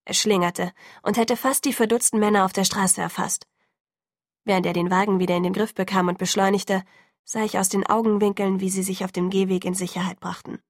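Gravelly-voiced woman reading a novel. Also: mid-range voice, fairly even intonation, a little fast, no room sound, clean studio sound. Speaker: audiobook narrator. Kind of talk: scripted first-person narration.

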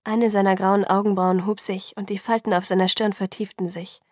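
A woman reading a first-person novel aloud in a steady, even storytelling manner. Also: medium pitch, normal speed, dry recording, studio quality. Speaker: audiobook reader.

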